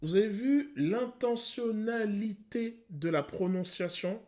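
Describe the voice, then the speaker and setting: A male vocal coach explaining singing technique to viewers, pausing to sing short examples. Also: high-pitched, a little mellow. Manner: explanatory, addresses viewers, sings short demos. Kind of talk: vocal analysis video commentary.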